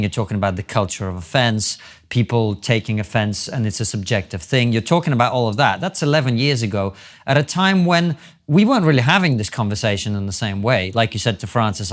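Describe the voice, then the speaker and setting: A man with a mid-range voice co-hosts a podcast interview. He asks his questions in an easy, conversational manner. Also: mid-range voice. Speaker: podcast co-host. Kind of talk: casual interview chat.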